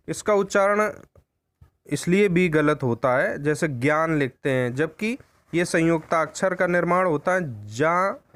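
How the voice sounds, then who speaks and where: A man teaching a recorded lesson on pronunciation, speaking deliberately and repeating points to rephrase them. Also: on the high side, fairly bright tone. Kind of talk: recorded Hindi grammar lesson.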